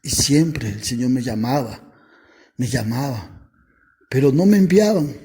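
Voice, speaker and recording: A man's voice: mid-range voice, expressive, a little slow, warm tone, slightly rough. A man preaching a personal testimony sermon, fervent and emotional, who keeps addressing his listeners as brother.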